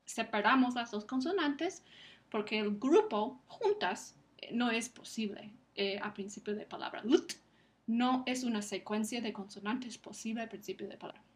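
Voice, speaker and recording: A woman delivers a recorded lecture in a slightly high voice. She explains step by step and sounds out each example word slowly and carefully. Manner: careful, slow enunciation of example words. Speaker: Spanish phonetics lecturer.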